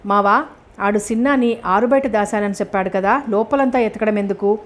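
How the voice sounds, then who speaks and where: A woman's voice: mid-range voice, moderate pace, close to an everyday voice. A woman voicing an anxious young village woman who speaks rustic dialect and urges her companion on, in a storybook reading. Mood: worried. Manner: worried, coaxing, rustic speech.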